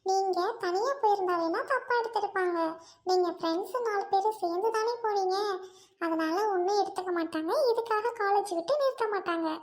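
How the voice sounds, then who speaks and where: A woman voicing a kind young sister-in-law who talks softly and politely, reassuring her brother-in-law in an amateur audio drama. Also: very high-pitched, a little fast.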